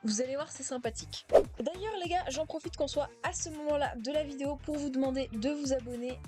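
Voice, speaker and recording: A teenage girl in high school, casually reacting to her own old comments, self-mocking, with many fillers and laughs. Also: fairly quick, music in the background. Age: teens.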